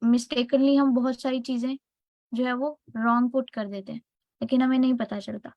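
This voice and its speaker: Higher-voiced woman teaching an online class. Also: level tone, normal speed, dry recording, dull audio. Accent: Pakistani. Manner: explains step by step, checks in with students often.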